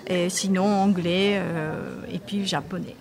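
A woman's voice: lowish voice, fairly even intonation, unhurried, a crowd in the background. A woman, a radio guest giving brief, hesitant answers. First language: Japanese. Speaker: association member guest. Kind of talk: casual radio chat.

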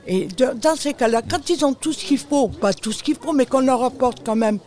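A Frenchwoman representing an aid charity speaks as an interview guest, explaining things spontaneously and with emphasis, often turning to address the listener directly. Her voice sits high and is slightly mellow, at a normal pace.

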